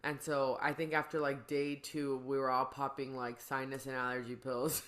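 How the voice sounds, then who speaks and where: A woman's voice: a bass voice, flat delivery, normal speed, crowd noise. A woman hosting a podcast, chatting casually in a rambling, slangy way. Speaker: podcast host. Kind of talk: casual chat.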